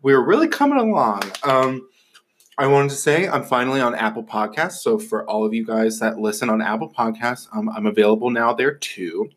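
A young man hosts a relaxed podcast, chatting over food. His talk is loose and filled with fillers and quick laughs. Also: medium pitch. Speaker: podcast host. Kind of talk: casual chat while eating.

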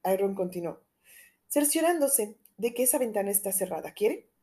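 A woman narrating a novel aloud in a steady, measured storytelling voice. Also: mid-range voice. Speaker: audiobook narrator.

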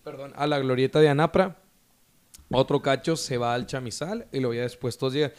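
A man with a northern Mexican accent and a hoarse voice, chatting casually and using heavy slang. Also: medium pitch, fairly quick. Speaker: podcast co-host.

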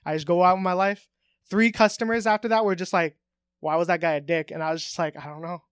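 Young man, high pitched, quick, dry close sound, casual storytelling. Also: steady tone, clear, resonant tone, no room sound. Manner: storytelling, acts out customer quotes, swears freely. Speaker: podcast guest. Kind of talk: casual chat.

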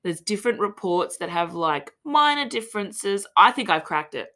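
A woman's voice: medium pitch, big pitch swings, normal speed, bright, forceful tone. An Australian woman hosting a podcast, talking in a chatty, jokey way and swearing freely. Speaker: podcast host. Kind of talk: casual chat.

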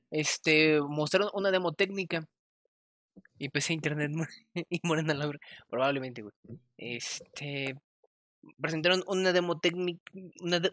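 A man's voice: a little high, a bit bright, no room sound, studio quality. A man with a Mexican accent chatting casually about gaming news as a co-host, in a slangy street-style drawl. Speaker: podcast co-host.

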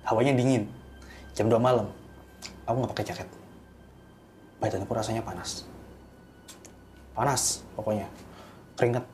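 A man casually telling a horror story as a guest, growing animated at tense moments. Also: moderate pace, long pauses, a little hiss or hum. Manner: animated, rising in pitch and volume at tense moments.

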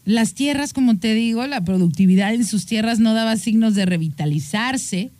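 A woman's voice: on the high side, moderate pace, warm tone. A woman with a Mexican accent hosts a show. She tells history in a casual, playful, teasing way. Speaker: host.

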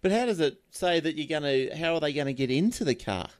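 A man's voice: fairly high pitch, lively intonation, fast. A man with an Australian accent hosting a tech talk show in casual, unscripted chat, easygoing and agreeable.

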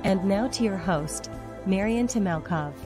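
A woman's voice: medium pitch, animated, measured pace. A woman announcing a podcast's opening in a polished scripted read. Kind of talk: scripted intro. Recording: over music bed.

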